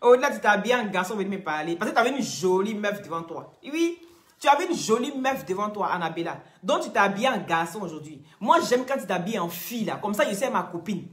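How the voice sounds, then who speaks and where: A mid-range, expressive voice comes fast with few pauses as this woman from Cameroon streams live on social media in a reverberant space. Her Cameroonian French accent colors her mocking scolding, which she repeats between laughs.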